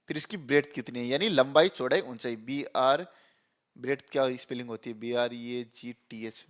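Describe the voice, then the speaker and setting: Chatty man teaching code, fairly high voice. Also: fairly bright tone. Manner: chatty, repeats "theek hai" and "chalo"; asks and answers his own questions. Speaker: programming teacher. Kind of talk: screen-recorded coding lesson.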